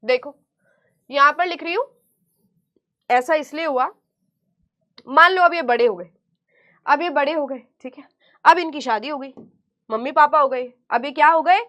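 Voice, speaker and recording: A woman teacher giving an online class lecture, speaking slowly and deliberately, asking questions and answering them herself in a coaxing way. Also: high-pitched, a bit bright.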